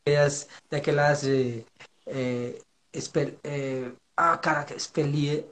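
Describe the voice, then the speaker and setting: A man's voice: a little high, fairly even intonation, slow, a bit bright. Hesitant man searching for words. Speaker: foreign guest learning Portuguese. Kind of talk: casual conversational interview.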